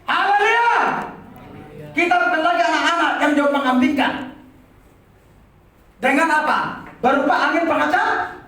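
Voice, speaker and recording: An older woman pastor preaching a lively sermon, scolding and acting out quoted dialogue. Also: high-pitched. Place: large echoing church hall. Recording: very echoey hall from far off.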